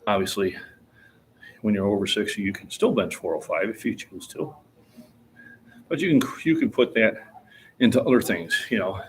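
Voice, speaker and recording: A man's voice: fairly low pitch, moderate pace, pauses often, slight background noise. A man in his sixties talking casually in a gym about his lifting, plainspoken and rambling. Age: 60s. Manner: plainspoken, rambling, chuckles easily. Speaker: fitness vlogger. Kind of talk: casual gym vlog talk.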